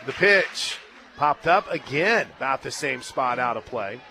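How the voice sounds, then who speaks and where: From a ballpark's radio booth, an American man calls the game play by play, his animated calls swelling to shouts on big plays and turning conversational between pitches. It's live sports commentary mixed with casual banter, delivered unhurriedly over a slight hiss or hum.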